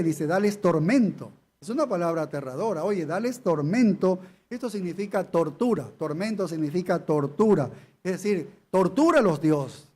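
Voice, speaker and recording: A man with a notably high voice preaches an expository sermon. He leans hard on key words, says them again and again, and keeps throwing rhetorical questions at his listeners. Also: darkish tone. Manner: emphatic, repeats key phrases, asks rhetorical questions. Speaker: pastor.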